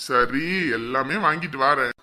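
A firm, reassuring husband. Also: male voice, mid-range voice, moderate pace, sharp tone. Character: steady village husband calming his wife. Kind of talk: village web-series drama.

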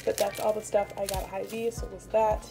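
Speaking fast in a gravelly, level, mid-range voice, a young American vlogger chats informally with her viewers indoors in her home kitchen. Music plays in the background as she narrates.

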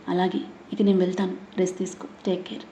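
A scheming young woman with a sneering, sarcastic edge, read by a woman narrator. Her tone is dark and mellow, and the room echoes around her. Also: medium pitch, steady tone, a little fast, slight background noise, lightly acted. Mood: light.

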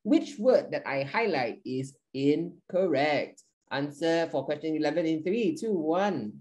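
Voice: medium pitch, lively intonation, a little slow, a little mellow, rough recording. Playful teacher. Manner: playful, jokey, counts down answers. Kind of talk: live online English class. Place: online class.

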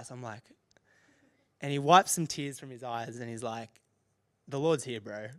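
A young adult man with an Australian accent, a youth pastor telling a lively story in a sermon, laughing and acting out the people in it. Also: medium pitch. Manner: animated, laughing, acts out dialogue. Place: church auditorium.

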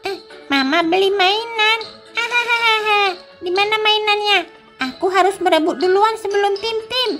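A woman's voice: extremely high pitch, pushed and bright, pitched above the performer's own voice, exaggerated voice. A woman voicing a jealous, mischievous little boy in a game, talking in a whiny, childish way.

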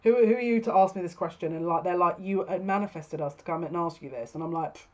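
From a small furnished room in her home, a woman in her thirties reads tarot casually to camera as a psychic. She talks fast, her pitch fairly low and her tone darkish. Sound comes through a dull, lo-fi webcam.

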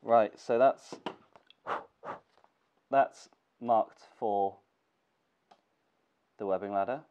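Speaking extremely slowly at a fairly low pitch, a young man with a cold gives a sewing tutorial from his workshop, clear and resonant though congested. As a gear maker teaching the craft, he stays relaxed and casual, thinking aloud with fillers. Faint noise sits under the dull lo-fi camera audio.

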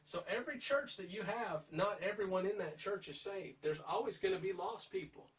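A man's voice: high-pitched, moderate pace, recorded from a distance, low-quality recording. Emphatic man preaching, a bit off-mic. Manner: emphatic, urging, asks listeners direct questions. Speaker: Bible teacher. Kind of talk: verse-by-verse Bible study.

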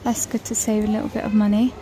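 A fast-talking British vlogger chats through a large store aisle, reading off prices as she shops. Her warm, mid-range voice shows little pitch movement. Slight background noise comes through the handheld phone camera recording.

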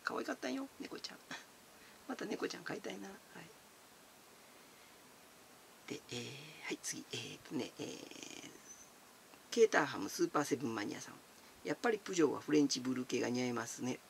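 A man's voice: mid-range voice, big pitch swings, a little fast, creaky, long pauses, slight background noise. A man, chatting casually as he answers viewer comments, giggly and talkative, calling himself by his nickname. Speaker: channel host.

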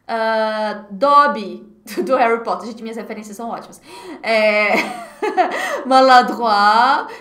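A Brazilian woman teaching a live beginner French class online, animated and drilling words by repetition, laughing often. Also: on the high side, roomy sound. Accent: Brazilian Portuguese. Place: home setup at her computer. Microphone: computer mic.

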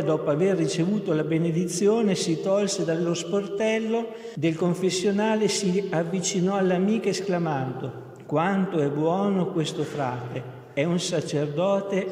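A man reading a devotional story as narrator, in a steady, measured way, in an echoey hall. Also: sits high. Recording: echoey hall, long reverb.

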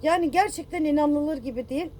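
A woman's voice: high voice, brisk, warm tone, slight background noise. A woman vlogger in a casual apology to her viewers, upset and self-reproaching, rambling with many fillers and affectionate toward her audience. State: distressed.

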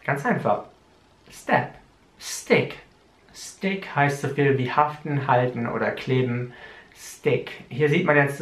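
A man teaching English vocabulary, saying each word slowly and explaining its spelling and sounds. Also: medium pitch, echoey room. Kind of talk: vocabulary lesson with pronunciation drills.

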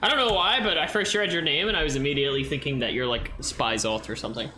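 A man with a Southern US accent coaching a player during a live game stream, explaining things in a relaxed way with fillers. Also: on the high side, fast talker, a little hiss or hum. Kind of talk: live coaching chat over gameplay.

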